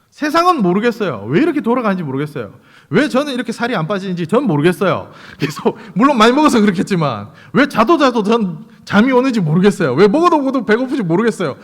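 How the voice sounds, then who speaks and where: A man, preaching a sermon as pastor, with rhetorical questions and light humor. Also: high-pitched. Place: church sanctuary. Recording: long reverb of a church sanctuary.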